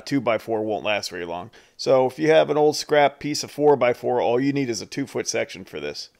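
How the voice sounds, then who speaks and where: A chainsaw carver hosting his carving channel walks through a do-it-yourself build step by step in a casual, folksy how-to voice-over. His voice is medium in pitch with a darkish tone.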